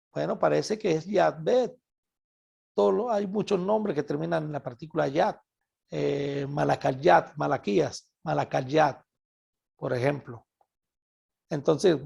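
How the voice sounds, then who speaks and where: A man from Venezuela with a Venezuelan Spanish accent, preaching a Bible study sermon in an animated way and repeating words for emphasis. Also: on the high side, vocal fry, breathy edge.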